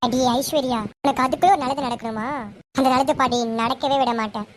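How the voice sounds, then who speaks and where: Brief: woman playing a spiteful young schemer, high voice, rapid gloating threats. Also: a little hiss or hum, close to an everyday voice. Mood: vengeful. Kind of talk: amateur serial voice acting.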